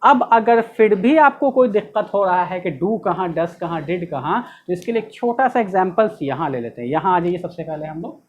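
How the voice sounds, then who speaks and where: A man's voice: high-pitched, animated, moderate pace, few pauses. A man teaching a grammar lesson in a patient, repetitive way, asking questions and then answering them himself. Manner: patient, repetitive drilling of rules and examples. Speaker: English tutor. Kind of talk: classroom-style video lesson.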